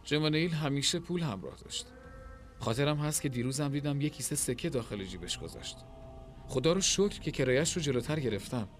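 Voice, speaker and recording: A man's voice: mid-range voice, expressive, faint music behind, lightly acted. A man voicing a complaining, money-minded innkeeper who talks defensively.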